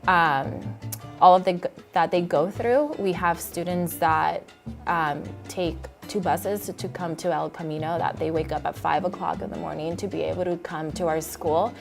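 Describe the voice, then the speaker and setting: A woman from Puerto Rico, a high school Spanish teacher, speaking earnestly in an interview with frequent pauses and fillers. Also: steady tone, vocal fry. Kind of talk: interview talking about teaching. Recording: music playing underneath.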